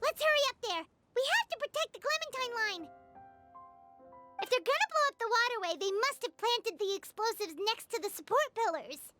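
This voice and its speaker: A woman voicing Paimon, a tiny excitable fairy companion who talks about herself in the third person, in a video game. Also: brisk. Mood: urgent. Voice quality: high squeaky voice. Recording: game audio under loud music.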